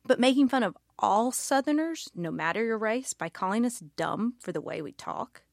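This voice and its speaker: A woman's voice: on the high side, animated, normal speed, vocal fry, no room sound, clean studio sound. A woman with a Southern American accent gives a wry, pointed political commentary as podcast host.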